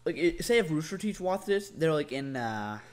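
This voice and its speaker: A man's voice: on the high side, sing-song, normal speed. A young man co-hosting a casual chat, joking and interjecting. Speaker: podcast co-host.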